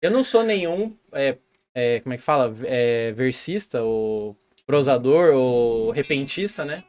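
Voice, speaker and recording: A man's voice: medium pitch, lively intonation, measured pace, a little mellow. A man who is a regular on a podcast and improvises verses, chatting playfully and searching for words. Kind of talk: casual podcast banter.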